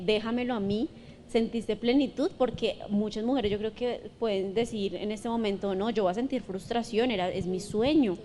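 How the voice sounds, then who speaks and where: A woman's voice: fairly high pitch, dark tone, slight background noise. A woman podcast host, asking a guest earnest questions. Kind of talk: interview questions.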